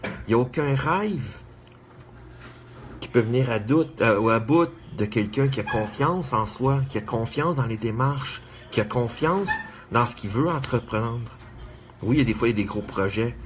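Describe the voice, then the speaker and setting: A man giving an earnest motivational monologue, repeating his exhortations in measured phrases and greeting viewers by name. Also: medium pitch, expressive, slight background noise. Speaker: motivational speaker.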